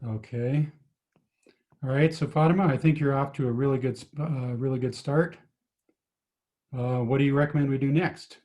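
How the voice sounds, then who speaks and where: Patient male physics tutor, mellow voice. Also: mid-range voice, fairly even intonation, normal speed, pauses often. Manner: patient, explains step by step, asks students questions. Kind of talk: online tutoring lesson.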